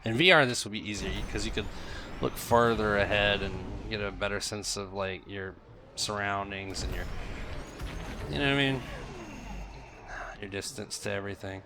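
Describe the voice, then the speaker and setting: Man, stuffed up from a cold, casual gameplay commentary, low gravelly voice, noisy recording. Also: normal speed, long pauses. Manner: musing, thinking aloud while flying.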